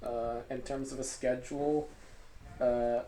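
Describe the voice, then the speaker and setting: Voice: mid-range voice, flat delivery, unhurried, dark tone, a little hiss or hum. Hesitant podcast host, echoey room. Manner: rambling, hesitant, many filler words. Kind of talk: casual comedy podcast chat. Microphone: makeshift microphone, not the usual one.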